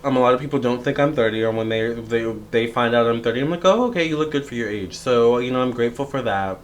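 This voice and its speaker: A thirty-year-old man sits and talks to his audience in a casual vlog, rambling and circling back with fillers and restarts. His voice sits at an ordinary middle pitch for a man. His tone is easygoing and reflective. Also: quick pace. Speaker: tarot reader and astrologer.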